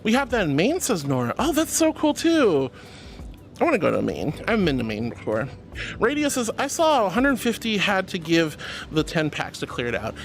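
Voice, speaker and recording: A woman livestreaming casually reads chat messages aloud and answers them fondly, using pet names such as honey and sweetie. Her lowish voice has a sing-song quality at a moderate pace, and she's giggly, laughing often while talking.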